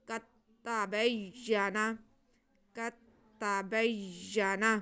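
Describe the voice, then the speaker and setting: Woman, Quran reading teacher, syllable-by-syllable drill, unhurried, very clear voice. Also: medium pitch. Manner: chants syllables slowly and loudly, explains rules quickly and softly.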